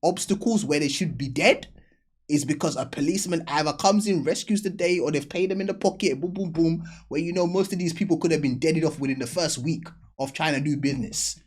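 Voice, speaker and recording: A man's voice: a little high, brisk, breathy edge. A man hosting a reaction video, talking bluntly in casual slang and commenting emphatically on what he watches. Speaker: reaction channel host.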